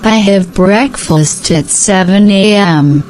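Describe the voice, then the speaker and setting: A woman giving slow, scripted answers in a repeated language-practice dialogue. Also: mid-range voice, darkish tone, slight background noise, low-quality recording.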